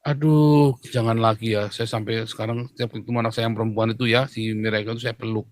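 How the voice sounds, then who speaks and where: In a casual preaching chat on his live stream, this pastor jokes at first and then confesses his past with emotion. He talks fast in a fairly low voice with a steady tone, and there's no room sound.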